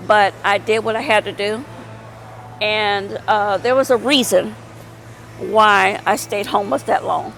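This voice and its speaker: A woman's voice: mid-range voice, fairly even intonation, unhurried, vocal fry, a bit bright, slight background noise, poor audio. A middle-aged woman talking casually to her viewers in a rambling vlog, full of fillers and repeats. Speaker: vlogger.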